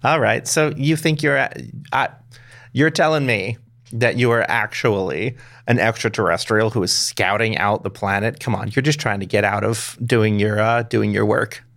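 A man's voice: on the low side, moderate pace, gravelly, fairly bright tone. Man hosting a playful improv game. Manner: questioning, playing along. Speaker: podcast host.

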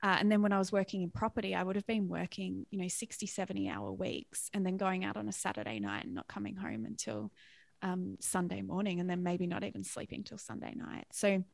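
A woman's voice: medium pitch, brisk, vocal fry, dry recording. A woman in her thirties with an Australian accent, telling her life story frankly and reflectively as a podcast guest. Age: 30s. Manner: reflective, frank, laughs easily. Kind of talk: candid personal story in a podcast interview.

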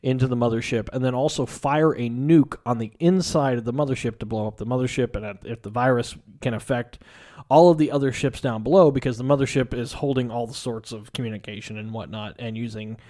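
A man's voice: medium pitch, a little fast. Casual man retelling a movie. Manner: animated storyteller, acts out characters' lines.

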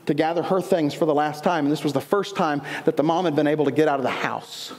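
A man preaching a sermon, telling a lively personal story with acted-out dialogue. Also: fairly high pitch. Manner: lively storyteller, acts out dialogue, laughs along. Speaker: pastor. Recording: long reverb of a large hall.

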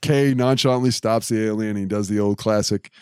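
A man's voice: lowish voice, steady tone, brisk, darkish tone, smooth, dry recording. Male co-host, chatty recap with trivia, dry room sound. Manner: recaps the plot and drops trivia. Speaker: podcast co-host. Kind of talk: casual chat.

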